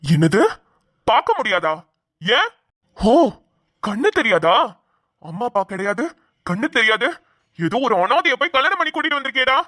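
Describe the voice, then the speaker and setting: A woman voicing an angry middle-aged father in a cartoon, who shouts and mocks. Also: on the high side, very animated, moderate pace, pauses often. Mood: scolding. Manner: shouting, scolding, mocking. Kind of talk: cartoon voice acting.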